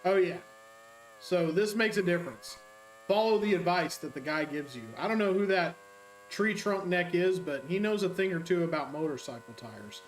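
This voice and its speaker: A man streaming a racing game and joking his way through casual, rambling commentary as a high school teacher. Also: expressive, normal speed, echoey room, slight background noise. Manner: jokey, rambling, self-mocking.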